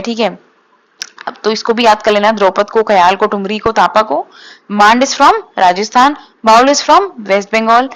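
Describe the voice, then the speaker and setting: A woman with a fairly high voice teaches like an exam coach. She explains each point plainly, repeats the key facts and keeps checking in with her listeners. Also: a bit bright. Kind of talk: explaining lecture in Hinglish.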